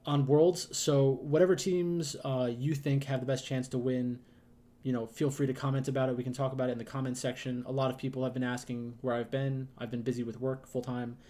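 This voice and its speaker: A man with a slightly hoarse, allergy-affected voice, giving casual unscripted esports commentary in a hesitant, rambling way with frequent pauses. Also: mid-range voice, level tone, warm tone. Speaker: YouTube host giving betting picks.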